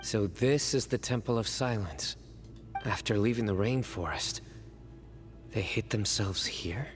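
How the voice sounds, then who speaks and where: An actor playing a stern, guarded warrior in a game, speaking in a measured, terse and wary way. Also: male voice, on the low side, over music, close to an everyday voice. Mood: wary, questioning. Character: stern, guarded, serious male warrior of few words.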